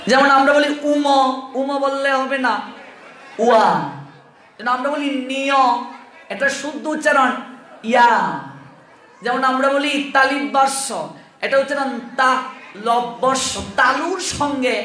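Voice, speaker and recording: A man's voice: very high-pitched, steady tone, a little fast, pushed and bright, slight background noise. A man giving a devotional teaching discourse, patiently spelling out each point step by step and putting questions to his listeners. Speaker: religious speaker on the Gita. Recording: roomy echo.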